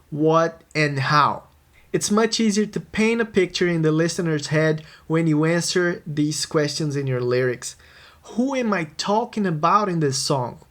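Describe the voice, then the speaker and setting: A man, a music producer, narrating a scripted songwriting tutorial and answering his own questions. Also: fairly high pitch. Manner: explanatory, posing and answering questions.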